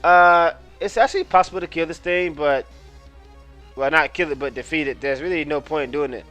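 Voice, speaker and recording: A man's voice: a little high, brisk, fairly bright tone, soft background music. A man giving casual let's-play commentary on a video game, rambling, correcting himself and swearing now and then. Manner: rambling, self-correcting, profane. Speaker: gamer, video host.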